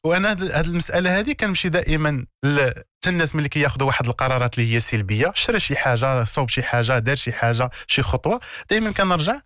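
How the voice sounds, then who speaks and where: A man with a Moroccan accent, appearing as an interview guest, explains self-development ideas in a conversational coaching style. His voice sits on the high side, with lively intonation, a racing pace and a bright, forceful tone. He teaches emphatically, repeating key words and posing rhetorical questions, and the recording is dry and studio-clean.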